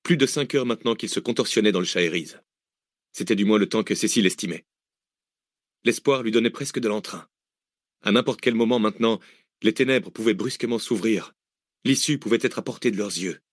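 A man reading an adventure novel aloud in a steady storytelling voice. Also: fairly low pitch, fairly quick, no room sound, studio quality. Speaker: audiobook narrator. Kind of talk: scripted narration.

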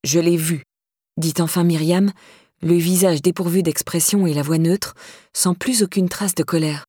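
A woman narrating an audiobook in a steady, measured reading. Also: fairly low pitch, husky, dry recording, clean studio sound. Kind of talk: scripted narration.

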